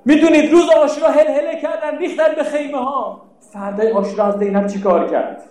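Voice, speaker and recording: Impassioned high-voiced preacher in an echoing hall. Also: male voice, fairly even intonation, darkish tone. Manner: impassioned, declaiming, rising to cries. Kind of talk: mourning sermon with chanted verse. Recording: very echoey hall, voice far from mic.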